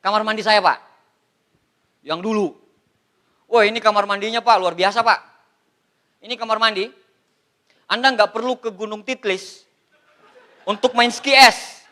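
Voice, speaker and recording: A man giving an energetic seminar talk to an audience, telling jokey stories about his life and often addressing listeners as "Pak". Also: high-pitched, unhurried, pauses often. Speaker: motivational speaker at a sales seminar.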